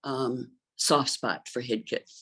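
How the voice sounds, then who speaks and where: A middle-aged woman with a bass voice and a fairly bright, steady tone takes her time chatting about gardens. She's an interior designer, thoughtful and fluent in her speech, and says "um" often.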